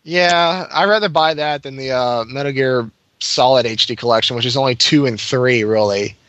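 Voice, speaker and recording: A man's voice: mid-range voice, normal speed, fairly bright tone, no echo. Rambling man with a dry, close sound. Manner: rambling, many fillers and restarts. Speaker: podcast co-host. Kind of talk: casual chat about video games.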